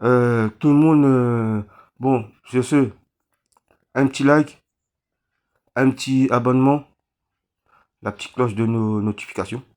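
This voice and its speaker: A man from Réunion speaking straight to his viewers, halting and full of restarts, pleading for help after a cyclone. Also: mid-range voice, darkish tone. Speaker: vlogger appealing for donations. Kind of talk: emotional appeal to camera.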